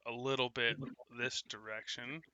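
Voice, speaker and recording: A man's voice: medium pitch, level tone, normal speed, bright, forceful tone, clear, resonant tone, highs cut off. A man playing a tabletop role-playing game, describing his character's actions and calling out in character. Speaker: player. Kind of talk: casual tabletop play.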